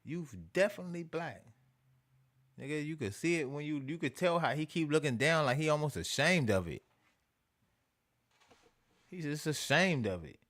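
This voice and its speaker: A man hosting an animated commentary rant, repeating himself emphatically with profanity and mocking asides. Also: a little high, normal speed, long pauses. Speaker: show host.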